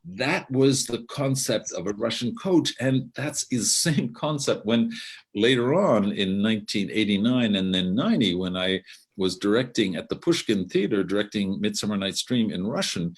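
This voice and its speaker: A man's voice: lowish voice, expressive, normal speed, breathy edge. An older man, a theatre director, telling stories from his career in a rambling way, with frequent restarts and casual swearing. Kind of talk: rambling reflective monologue.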